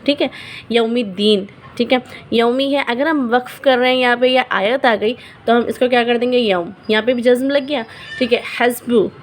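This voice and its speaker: A woman teaching Quran recitation rules in a patient lesson. She repeats each example word slowly and checks in her learners often. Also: a little high, a little hiss or hum.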